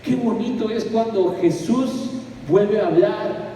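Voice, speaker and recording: Man, preacher, high voice, mellow tone, echoey church hall, distant mic. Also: takes it slowly, a little hiss or hum. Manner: lively, conversational, rhetorical questions. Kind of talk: sermon.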